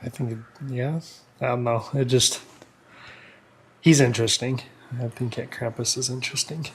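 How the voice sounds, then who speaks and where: A man's voice: mid-range voice, steady tone, normal speed, a little hiss or hum. A man chatting casually on a podcast, laughing often and trailing off in hesitant sentences. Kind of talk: casual chat.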